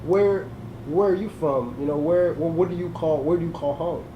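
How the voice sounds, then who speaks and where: A male interviewer with a slightly high voice, asking loose, rambling questions. The room echoes, and clear noise sits behind him. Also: moderate pace, muffled recording. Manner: friendly, chatty, rambling questions. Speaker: interviewer, host. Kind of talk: casual interview.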